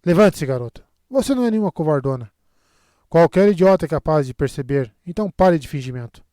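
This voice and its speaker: A man reading a gruff, commanding old woman healer. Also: fairly high pitch, lively intonation, fast, mellow, no room sound, studio quality, close to an everyday voice. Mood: brusque. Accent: Brazilian Portuguese. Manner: brusque, scolding orders. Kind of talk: audiobook character reading.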